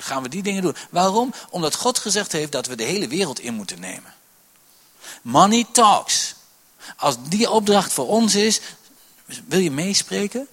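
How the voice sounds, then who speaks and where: Male pastor, lively husky sermon voice, bursts loud then drops to asides. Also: high voice. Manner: animated preaching, swinging between loud calls and quiet asides. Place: church hall.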